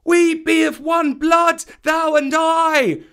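A man voicing a desperate young boy raised in the jungle, shouting high and strained for help. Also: little pitch movement, slow pace, gravelly, background noise, full character voice.

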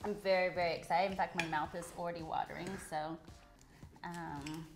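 A woman's voice: lowish voice, steady tone, normal speed. A woman from the United States, a guest cook, chatting casually and gushing about the food. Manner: gushing, chatty, lots of fillers. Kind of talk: casual cooking chat. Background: background music.

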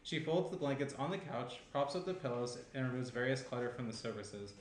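With an animated, brisk delivery in a mid-range voice, a young man reads scripted screenplay narration as the narrator. He's at a round table in a small indoor room on a shared desk microphone, and the sound is echoey with faint noise.

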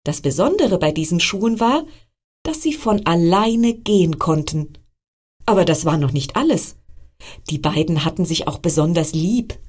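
A woman reading a bedtime story for children aloud, speaking to them directly with expressive storytelling. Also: lowish voice, normal speed, husky.

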